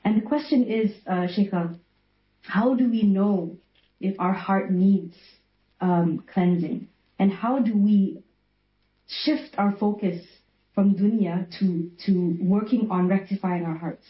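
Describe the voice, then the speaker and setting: A woman's voice: mid-range voice, takes it slowly, reverberant, dull audio. A woman from Malaysia hosting a religious interview, asking questions and offering frequent religious blessings. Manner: warm affirmations, religious blessings. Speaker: interviewer, app founder.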